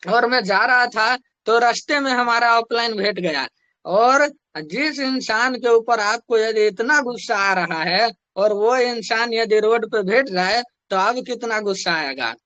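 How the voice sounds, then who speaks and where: Young man, very high bright voice, motivational storytelling, repeats himself, dry close sound. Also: unhurried, no room sound, highs cut off. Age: young adult. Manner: conversational, repeats phrases for emphasis. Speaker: network marketing distributor.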